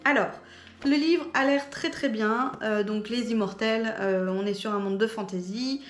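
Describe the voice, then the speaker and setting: A woman's voice: on the high side, unhurried, reverberant, faint music behind. A woman chatting casually about the books she bought, hesitating often with fillers. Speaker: book vlogger. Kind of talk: casual book haul chat.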